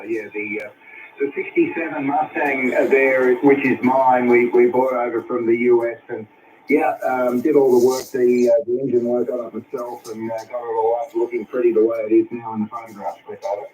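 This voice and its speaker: A man's voice: medium pitch, fairly even intonation, fairly quick, muffled recording. An Australian-accented man chatting casually as an amateur radio operator, heard over shortwave. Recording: distant radio link with clear static.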